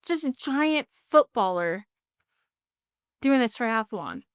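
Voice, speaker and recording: Bubbly, chatty woman, smooth voice. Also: fairly high pitch, expressive, takes it slowly, no room sound, studio quality. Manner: chatty, emotional, fills talk with "like". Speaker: podcast guest. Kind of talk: casual interview chat.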